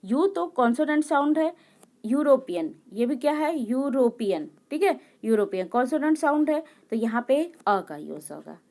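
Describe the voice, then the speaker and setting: Woman teaching grammar, slow and repetitive. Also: high-pitched, big pitch swings, darkish tone. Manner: explains slowly, repeats words and checks in with "okay"; reads English rules slowly, then explains them. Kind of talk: classroom grammar lesson.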